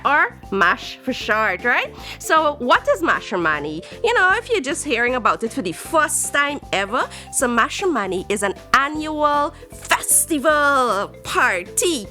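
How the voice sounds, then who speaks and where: A woman with a Guyanese accent hosts a children's storytime, theatrical and exclamatory, drawing out words for emphasis. Her voice is high, pushed, and bright.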